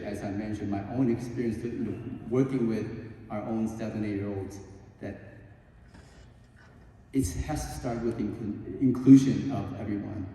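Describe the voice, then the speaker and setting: A man answering at a candidate forum, earnest and halting with many ums and restarts. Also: fairly low pitch, warm tone. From Korea. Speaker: school board candidate. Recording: echoey hall, distant mic, faint hum.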